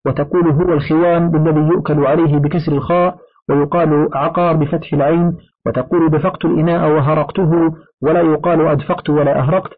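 A man giving a measured, deliberate formal reading of a classical book. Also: a little high, steady tone. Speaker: reader of a classical text. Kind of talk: formal recitation of an old book. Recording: dull lo-fi audiobook recording.

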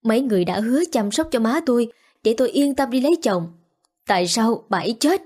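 A woman's voice: medium pitch, animated, moderate pace, darkish tone, breathy edge. A woman voicing a grieving young wife who confronts those who let her mother die. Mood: furious. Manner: pleading, then accusing. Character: young wife, grief-stricken and furious.

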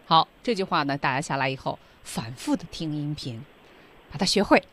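Brief: radio co-host, mid pitch with lively swings, recaps and guides listeners. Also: a little fast. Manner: guiding, sums up the teacher's points for listeners. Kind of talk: radio language lesson.

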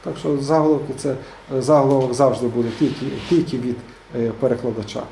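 A man's voice: mid-range voice, steady tone, fast, dark tone, slight background noise. A man giving an academic seminar lecture, hesitant, with many filler sounds and restarts. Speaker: seminar speaker. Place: seminar room. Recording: echoey room.

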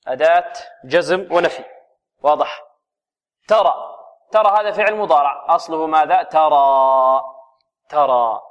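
Man teaching Quran recitation, slightly high voice. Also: lively intonation, dull audio. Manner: drills students with rhetorical questions; recites verses slowly and melodically. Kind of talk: chanted recitation and grammar lesson.

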